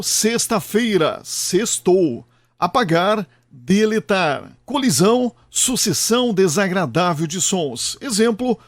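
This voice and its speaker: A man giving scripted narration as a channel narrator, delivering tips in a measured, instructive way. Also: sits high, no echo.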